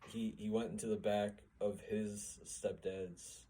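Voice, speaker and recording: A man's voice: fairly low pitch, little pitch movement, measured pace, warm tone, poor audio. A young man, a podcast co-host, telling a story in casual chat, swearing and laughing as he goes.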